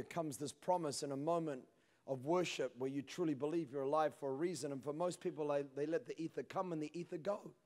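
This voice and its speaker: A man in his thirties preaching a sermon on a large church stage into a handheld mic, swinging between hushed passages and shouted peaks. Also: a little high. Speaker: pastor. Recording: long hall reverb.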